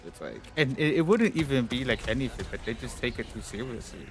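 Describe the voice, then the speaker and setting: A man live streams while gaming, chatting in a rambling way packed with fillers like "like" and "you know." His medium-pitched voice is sing-song, brisk, and a bit stuffy-nosed, with faint music behind him.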